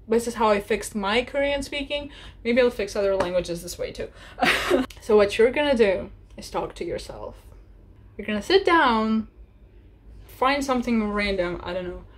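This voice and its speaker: A young woman in her twenties giving casual language-learning advice in a chatty, animated vlog, often laughing. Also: fairly high pitch. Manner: chatty and animated, laughs often, acts out little sample dialogues.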